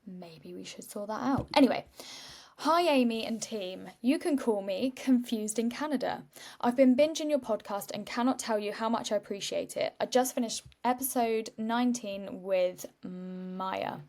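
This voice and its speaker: A woman's voice: on the high side, moderate pace, darkish tone. A woman hosting a podcast, chatty and rambling, tired, laughing often. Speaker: podcast host. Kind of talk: casual chat.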